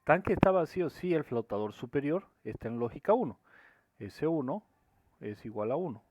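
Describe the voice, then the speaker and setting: A man's voice: a little high, very animated, normal speed, darkish tone, dry recording. A man teaching a screen-recorded programming lesson, explaining each step and often checking that students follow. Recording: dry, dull lo-fi recording.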